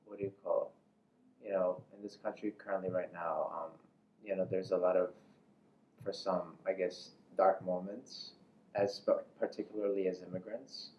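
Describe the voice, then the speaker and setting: An American man hosts and interviews a guest, rambling casually and filling his speech with stock phrases. His voice is low and darkish, flat in delivery at a normal speed, and captured from a distance in an echoey room, sounding muffled with faint noise.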